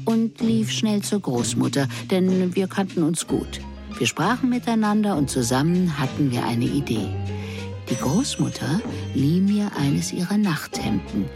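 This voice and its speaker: A woman reading a first-person story aloud in a measured, expressive way. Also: lowish voice. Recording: music underneath.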